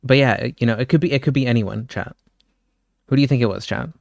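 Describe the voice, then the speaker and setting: A man's voice: medium pitch, fast, vocal fry, darkish tone. A man live-streaming, riffing jokes and swearing while he talks to his chat. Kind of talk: casual reaction chat.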